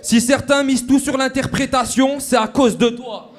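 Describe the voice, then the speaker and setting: A man's voice: very high voice, fairly even intonation, normal speed. A man delivering an aggressive, taunting rap battle verse in a rhythmic, sing-song flow. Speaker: battle rapper.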